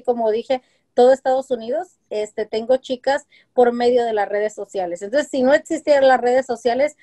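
A woman in her forties with a mellow voice on the high side is a guest on a casual video-call interview, speaking through her webcam from a home room filled with shelves of colorful containers. A home-business seller, she is talkative, illustrates her points with examples, and uses lots of fillers such as "este" and "eh."

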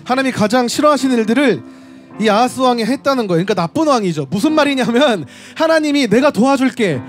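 A man's voice: very high voice, animated, fast, faint music behind. A man preaching a sermon at a street worship service, retelling scripture and speaking straight to his listeners. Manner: storytelling, reading scripture aloud and addressing the audience directly.

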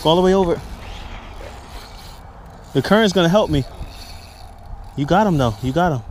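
A young man vlogging his fishing from a bridge by the sea, excitable and talkative, filmed on an action camera outdoors. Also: on the high side, normal speed, a little hiss or hum. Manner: excitable, hollers and laughs, repeats himself.

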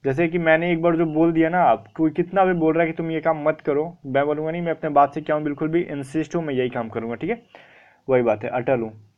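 A man's voice: a little high, fairly even intonation, fast talker, phone-quality sound. Chatty young man teaching vocabulary. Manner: chatty, repeats "theek hai", asks and answers his own questions. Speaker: online exam-prep vocabulary teacher. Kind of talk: casual Hindi-English teaching.

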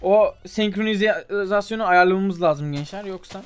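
A man's voice: high voice, normal speed, smooth. A young man giving casual, chatty commentary while he plays, muttering to himself as he tries things and talking straight to his viewers. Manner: chatty, mutters while trying, calls viewers "abi" and "gençler". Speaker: gaming YouTuber.

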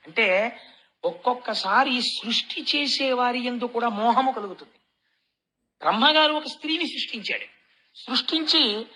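A woman giving a devotional discourse on scripture. She tells the story in an animated way and keeps asking and answering her own questions. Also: on the high side, a little hiss or hum, rough recording.

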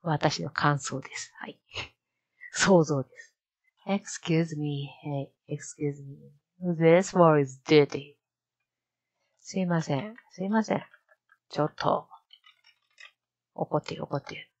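Slow-talking woman streaming, muttering thoughts and repeating practice lines, dry close mic. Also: sits low, gravelly, husky, no room sound. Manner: muses aloud, repeats lines slowly to practice. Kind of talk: casual live-stream commentary.

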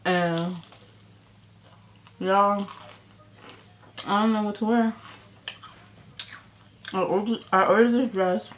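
A woman's voice: mid-range voice, fairly even intonation, slow, pauses often, a little hiss or hum. A young woman chatting casually to viewers while chewing, mouth full of food, rambling in a friendly, talkative way. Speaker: vlogger. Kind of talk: casual mukbang chat. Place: indoors, filming herself eating.

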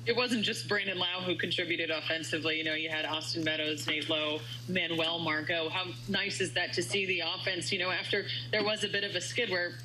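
A woman's voice: on the low side, fairly even intonation, fairly quick, hardly any pauses, pushed and bright, a little hiss or hum, low-quality recording. A woman reporter asking straightforward questions at a postgame video press conference.

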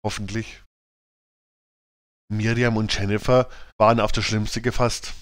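A man reading a children's audiobook with even, clear storytelling. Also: on the low side, normal speed, dry recording, clean studio sound. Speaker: audiobook narrator.

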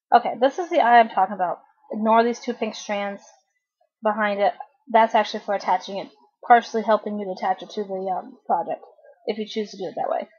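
A woman's voice: medium pitch, darkish tone, husky, highs cut off. A woman hosting a casual craft tutorial, chatting informally and correcting herself as she works with her hands while a cough drop sits in her mouth.

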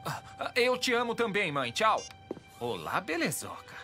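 A teenage fast-food worker, slightly high in pitch. He is wry and awkward, and his intonation swings a lot. Music is clear behind this cartoon boy. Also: wildly swooping pitch, heavily acted. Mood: sheepish. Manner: sarcastic, hesitant. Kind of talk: animated series dub acting.

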